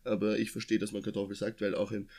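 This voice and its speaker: A man's voice: on the low side, little pitch movement, fast talker, darkish tone. A young man in his twenties from near Vienna with an Austrian accent, chatting casually and rambling with many restarts. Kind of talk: casual chat.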